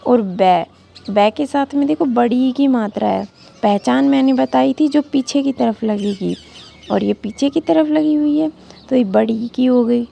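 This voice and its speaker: A woman's voice: on the high side, a little slow, vocal fry, warm tone. A woman teacher giving a reading lesson to young children, patiently sounding out syllables and asking the class questions. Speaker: school teacher.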